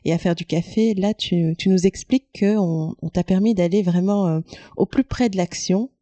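A woman hosts a remote podcast interview in a mellow, warm voice. Her questions come haltingly, with many fillers and restarts. The sound is dry and close. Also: fairly low pitch, no room sound. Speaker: podcast host.

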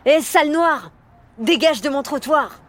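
A woman's voice: high-pitched, animated, measured pace, pitched above the performer's own voice. A woman voicing a jeering teenage boy who bullies a little girl. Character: mocking teenage boy, big bully.

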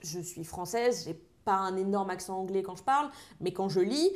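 A young woman from Paris, a designer, chatting in an interview and telling animated stories full of fillers and acted-out lines. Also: medium pitch, moderate pace. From Paris, France. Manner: lively storyteller, acts out others' lines, many fillers. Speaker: designer guest. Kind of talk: casual interview chat.

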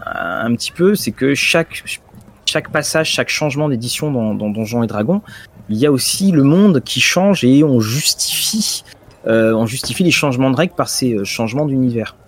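A man's voice: medium pitch, expressive, moderate pace. A man hosting a casual chat, repeating words as he frames his questions. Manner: stumbling, repeats words while asking. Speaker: podcast host.

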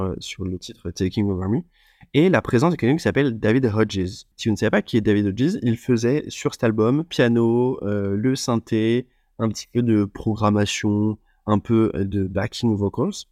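A man's voice: lowish voice, a little mellow, no echo, clean studio sound. A man hosting a solo podcast, talking without a script and hesitating often, with many fillers and restarts. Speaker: podcast host. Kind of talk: unscripted solo podcast talk.

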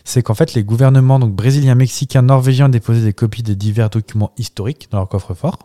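A man's voice: medium pitch, steady tone, fast, dark tone. A man co-hosting a podcast, chatting casually and cutting in with teasing quips. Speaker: podcast co-host. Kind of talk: casual chat.

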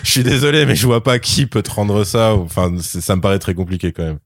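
A man with a fairly low voice chats in a wry, sarcastic way as a podcast co-host. The sound is close and dry, with no room around it. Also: expressive, fast, dry recording. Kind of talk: casual critical chat.

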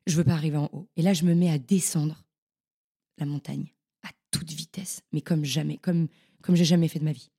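A young woman, a podcast guest, telling her stories in a casual, animated and slangy way. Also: low-pitched, moderate pace, slightly rough. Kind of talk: casual storytelling interview.

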